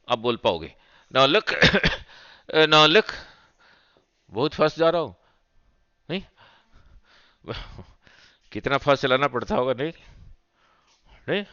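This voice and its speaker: A man's voice: fairly high pitch, bright, forceful tone, smooth, dry recording, highs cut off. A man teaching physics revision in Hindi mixed with English terms, quizzing his students with repeated checks as he works through diagrams. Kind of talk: fast exam revision lecture.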